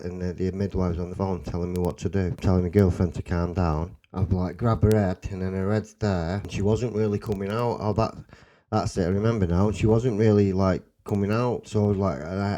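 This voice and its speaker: A young man with a Salford accent telling a personal story in a rambling, excitable way, swearing and restarting often. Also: deep voice, slight background noise, rough recording. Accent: Salford English. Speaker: storyteller guest.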